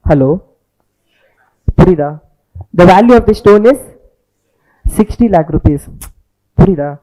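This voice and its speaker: A man's voice: high voice, animated, fast talker, mellow, poor audio. A man with a Tamil accent giving an informal, story-led lecture as a teacher, repeating points and checking understanding with tag questions.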